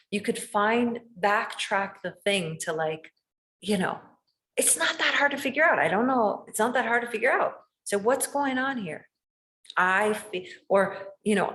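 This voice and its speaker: A woman's voice: mid-range voice, fairly bright tone. A woman hosting a casual spiritual talk, earnest and rambling, with many restarts and questions to the listener. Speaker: host.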